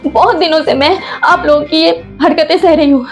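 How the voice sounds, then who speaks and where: Girl acting as a hurt bahu fighting back, really high voice, soft music under. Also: a little fast, close to an everyday voice. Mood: upset pleading. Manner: pleading, defiant. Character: wronged young daughter-in-law standing firm. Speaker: daughter-in-law. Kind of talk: family skit acting.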